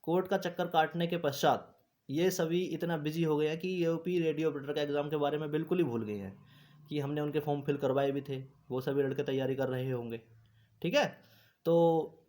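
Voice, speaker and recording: Speaking in a fairly high, slightly mellow voice, a man hosts an exam news channel and walks exam candidates through an informal, instructive explainer. He repeats his points and frequently checks that listeners are keeping up.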